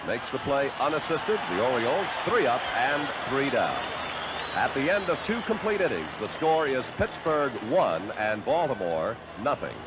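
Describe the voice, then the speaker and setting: A male baseball announcer delivers measured play-by-play in a classic broadcast style. His pitch swings in a lively way as he calls the game. The audio is dull vintage 1970s broadcast sound, with heavy noise around the voice. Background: loud stadium ambience and noise.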